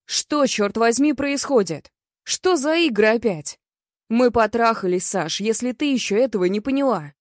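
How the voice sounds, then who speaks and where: A woman's voice: a little high, expressive, moderate pace, no echo, studio quality, close to an everyday voice. Woman doing a hot-tempered young man. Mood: furious. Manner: curt, swearing outbursts.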